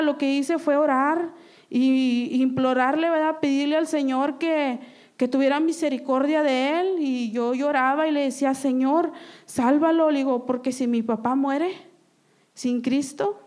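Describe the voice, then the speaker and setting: A high-pitched woman shares an earnest testimony in church. She speaks in a sermon style and keeps checking in with the congregation for agreement. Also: a little mellow. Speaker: church member giving testimony. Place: church service.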